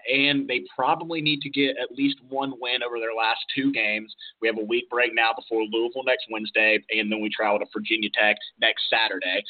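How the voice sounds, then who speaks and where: A man co-hosting a casual sports talk podcast, walking through advanced stats with frequent "uh" fillers. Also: mid-range voice. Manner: stat-heavy, analytical, with frequent "uh" fillers. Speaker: podcast co-host. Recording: tinny phone-like line.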